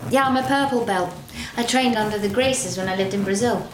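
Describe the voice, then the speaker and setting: A woman's voice: mid-range voice, a little fast, close to an everyday voice. An actress playing a matter-of-fact, self-assured woman who teaches jiu-jitsu. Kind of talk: sitcom acting. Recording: echoey room with background noise.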